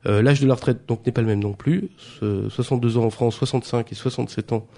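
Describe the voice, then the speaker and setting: Guy with a gravelly dark voice going over news items, lots of euhs and restarts. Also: medium pitch, fairly even intonation, fast talker. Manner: hesitant, many fillers and restarts. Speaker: news columnist. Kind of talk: radio press review.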